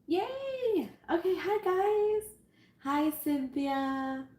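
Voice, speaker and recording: Greeting viewers on her casual sewing livestream, a chatty, self-amused host speaks very slowly in a very high, darkish, stuffy and nasal voice with big swings in pitch. The recording comes from an echoey room with a little background noise.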